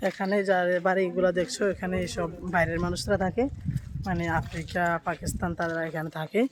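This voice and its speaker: A man vlogging on his phone outdoors in a mosque courtyard, talking quietly so he is not caught filming. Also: high-pitched, flat delivery, brisk. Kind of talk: handheld travel vlog narration. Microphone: phone held in hand. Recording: busy crowd noise behind. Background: crowd of people around.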